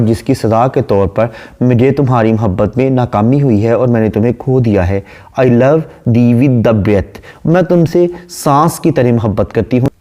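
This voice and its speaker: A man, lecturing on a poem and explaining it line by line, reading the verse slowly. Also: mid-range voice, mellow. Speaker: literature lecturer.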